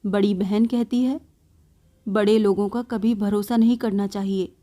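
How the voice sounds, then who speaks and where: Slow, mellow-voiced woman reading a story. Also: mid-range voice, steady tone. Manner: slow, soft first-person narration.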